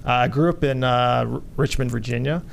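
Gravelly-voiced man, halting with fillers. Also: medium pitch, slight background noise. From Vietnam. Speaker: guest, hotel company co-founder. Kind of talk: radio interview answers.

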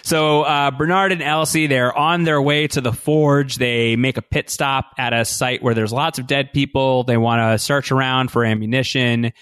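A man co-hosting a podcast, chatting casually about a TV episode, animated and often restarting his sentences. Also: medium pitch, moderate pace, few pauses, clear, resonant tone, no room sound, clean studio sound. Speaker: podcast co-host. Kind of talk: casual chat recapping a TV episode.

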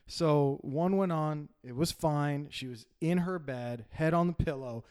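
Higher-voiced dad rambling through a story. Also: male voice, measured pace, a little mellow, smooth. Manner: rambling storytelling with many restarts and acted-out quotes. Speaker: podcast co-host and father. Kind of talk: casual chat.

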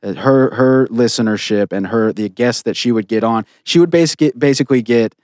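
A man's voice: mid-range voice, moderate pace, darkish tone, no echo. Blunt, opinionated man in dry close sound. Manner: blunt, opinionated, swears freely, many restarts. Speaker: podcast co-host. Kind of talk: casual chat.

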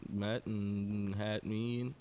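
A man's voice: fairly low pitch, flat delivery, slow pace, mellow, slight background noise. A man with a New York accent, a DJ guest chatting casually in an interview, modest and hesitant with lots of fillers. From New York City. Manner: laid-back, modest, hesitant with many fillers.

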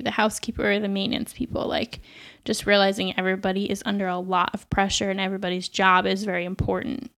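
A woman's voice: mid-range voice, vocal fry, a bit bright. A young adult woman, a nurse, talking in a reflective, chatty way on a podcast and often laughing. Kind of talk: casual podcast chat.

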